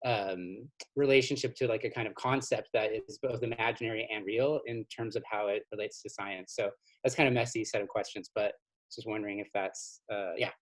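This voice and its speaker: A man's voice: lowish voice, steady tone, brisk. A man moderating a talk on a video call, out of breath, asking questions in a hesitant way as he searches for words. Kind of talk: casual conversation.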